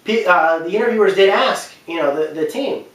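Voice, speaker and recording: This video commentator, a man, talks through his opinions on film and games without a script, emphatic and prone to repeating phrases for stress. His voice is high-pitched, expressive, fairly quick and fairly bright. The mic is distant and the room very echoey.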